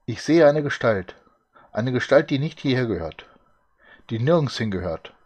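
A man voicing a tiny, loyal male alien servant in a hushed, deferential way, in a story reading. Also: medium pitch, lively intonation, normal speed, breathy edge.

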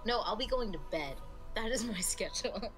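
A woman playing in a tabletop game, matter-of-fact and teasing, quick to laugh. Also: medium pitch, animated, music in the background. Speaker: player. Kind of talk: casual tabletop game chat.

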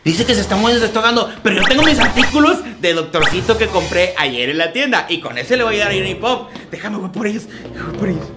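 A man's voice: high voice, very animated, fast, hardly any pauses. A man playing a naive, childlike silly clown who plays doctor in a kids' slapstick sketch, babbling and repeating himself. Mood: playful, fussing. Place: living room at home. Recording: loud music over voice.

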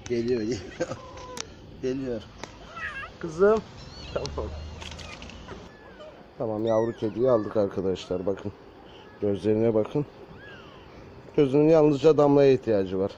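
A man talking casually to viewers in a garden, gently coaxing cats. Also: lowish voice, measured pace, pauses often, lo-fi sound, slight background noise. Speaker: vlogger caring for stray kittens. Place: outdoor garden.

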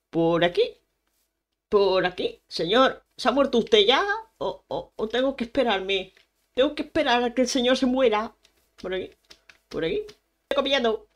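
A young woman with a Spain Spanish accent giving excitable, chatty let's-play commentary, talking to the game animals and bursting into shrieks. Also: fairly high pitch. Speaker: Minecraft streamer.

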